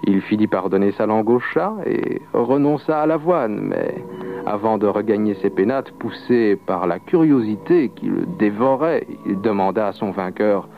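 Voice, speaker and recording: A man reading a legend aloud in an expressive storytelling style. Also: fairly low pitch, normal speed, gravelly. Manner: expressive, with wide swings of voice. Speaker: reader of a legend. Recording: muffled lo-fi radio recording.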